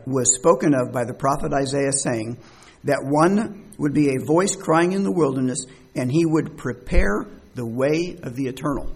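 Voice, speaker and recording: A man's voice: medium pitch, creaky, a little mellow, husky. A man preaching a conversational sermon, reading verses and asking rhetorical questions. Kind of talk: sermon, bible study.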